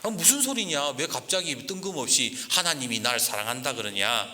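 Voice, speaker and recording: A male pastor voicing a gruff male prison inmate who talks bluntly and pushes his point. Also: mid-range voice, lively intonation, moderate pace, pushed and bright, big-room sound, a little hiss or hum. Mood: curious. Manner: blunt, pushy.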